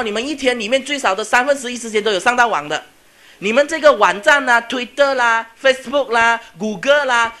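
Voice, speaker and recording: A man's voice: very high voice, bright, forceful tone. A man giving a motivational seminar lecture. He keeps checking that the audience is following and mixes English words into his speech. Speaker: seminar speaker.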